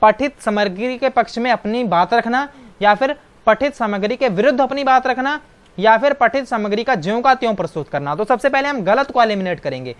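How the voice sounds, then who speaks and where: A man teaching an online exam-prep lesson, walking through answer options and often checking in with a quick "right?". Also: very high voice. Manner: explanatory, keeps adding "right?" tag questions.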